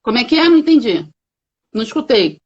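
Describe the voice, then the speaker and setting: A woman's voice: on the high side, very animated, fast talker, darkish tone, lo-fi sound. A woman with a Brazilian accent, a children's coach who explains her points emphatically and stretches out key words, heard over a video call. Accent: Brazilian Portuguese. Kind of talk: explanatory interview answers.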